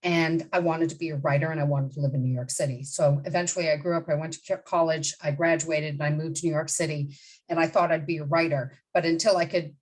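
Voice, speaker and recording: A fairly low-voiced woman in her fifties, originally from the Bahamas, speaking as a literary agent in an interview. She talks bluntly and with emphasis, and often breaks off to restart a sentence. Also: rough recording. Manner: direct and emphatic, with many asides and restarts. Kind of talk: interview answers.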